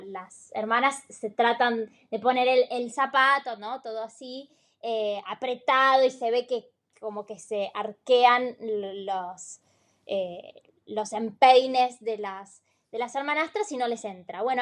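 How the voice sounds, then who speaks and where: High-voiced woman podcaster telling stories. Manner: conversational storytelling, with frequent fillers and tag questions. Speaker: podcast co-host. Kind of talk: casual podcast chat.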